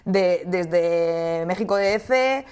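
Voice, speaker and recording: A woman's voice: on the low side, drawn-out words, darkish tone, clean tone. Enthusiastic woman chatting. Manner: enthusiastic, with hesitant fillers. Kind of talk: casual chat.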